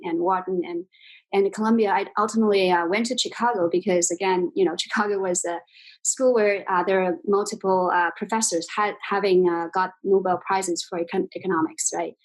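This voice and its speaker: Speaking accented English as an interview guest, this exchange CEO from China, in her forties, sounds thoughtful and keeps using fillers and restarting. Her mid-range voice is brisk with fairly even intonation, and the audio is poor.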